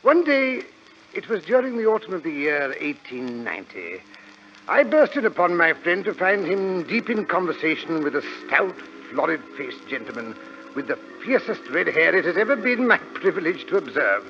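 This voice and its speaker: On a dull, noisy old radio recording, a genial British doctor and storyteller. His voice sits a little high and moves about animatedly, in a fussy, bumbling manner. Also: very animated, normal speed, pushed and bright, heavily acted. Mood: genial storytelling. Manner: hesitant, fussy, chuckling. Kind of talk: 1940s radio drama acting.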